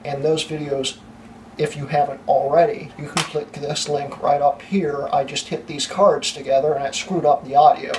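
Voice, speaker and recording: Recorded on a camera mic from a few feet away, with faint room hiss, a young adult tech channel host fumbles retakes in a blooper reel, set in a small home room crammed with computers. His voice is fairly high and steady at a normal speed, and he laughs, flustered, at his slip-ups while his voice gives out.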